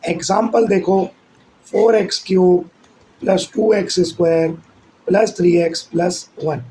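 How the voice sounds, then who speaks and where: Male math teacher, high mellow voice, questions the class as he goes, faint background noise. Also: poor audio. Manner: asks students questions and answers them himself; dictates slowly while writing on the board. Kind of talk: classroom-style lesson.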